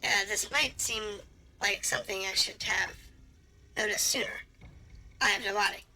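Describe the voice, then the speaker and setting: Woman streamer, very bright and sharp tone, hesitant reading of game lines with fillers and the odd animal noise. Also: mid-range voice, moderate pace. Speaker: gameplay streamer reading dialogue aloud.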